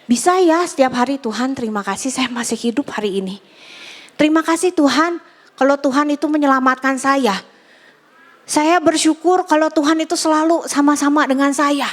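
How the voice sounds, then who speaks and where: A young woman with a high, bright voice leads a children's Bible lesson. She talks to the kids in an animated way and acts out short prayers and story lines as she goes. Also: normal speed. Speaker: Sunday school teacher.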